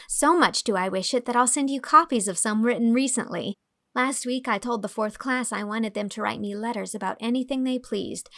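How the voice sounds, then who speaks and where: An actress voices a young schoolteacher in an audio drama, reading a letter to a friend with amusement and articulate delivery. The female voice is fairly high and a bit bright.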